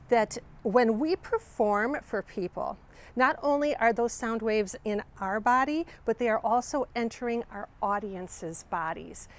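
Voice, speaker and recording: Woman teaching a choir lesson. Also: a little high. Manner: friendly, explanatory, enthusiastic. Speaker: choir director. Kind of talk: vocal technique video lesson.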